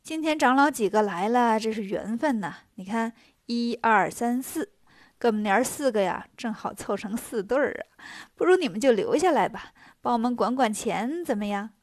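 A woman's voice: fairly high pitch, animated, moderate pace, dry recording, natural voice. Woman voicing pushy rich widow, 45, boastful, coaxing, dry.

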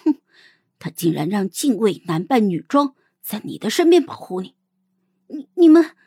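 A woman voicing a proud, bitter young noblewoman who talks in a scornful, sharp way in an audiobook. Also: mid-range voice, big pitch swings, moderate pace, slightly rough, dry recording, clean studio sound. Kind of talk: audiobook character voice.

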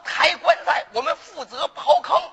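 Male folk comic, gravelly and high, brassy boastful shopkeeper patter. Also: huge pitch swings, moderate pace, poor audio. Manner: boastful, loud, laughing delivery. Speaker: folk storyteller playing a greedy shopkeeper. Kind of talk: comic folk-story performance.

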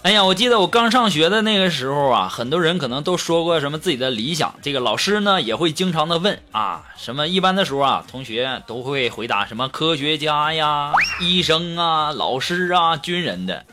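A man hosting, telling funny childhood stories in a lively way and laughing often. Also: fairly high pitch, brisk, hardly any pauses. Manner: lively, laughing often, acts out quoted parents. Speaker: comedy storyteller host. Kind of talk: comic storytelling monologue. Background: music.

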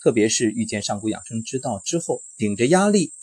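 A man hosting an interview, summing up the guest's story in a measured, formal way. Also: medium pitch, expressive, darkish tone, husky, no room sound. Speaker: interview host. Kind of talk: hosted interview.

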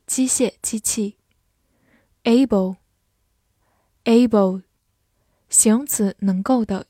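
A woman's voice: medium pitch, mellow, slightly rough, dry recording, studio quality. A woman teacher reviewing vocabulary, saying each English word twice and then listing its parts of speech and meanings.

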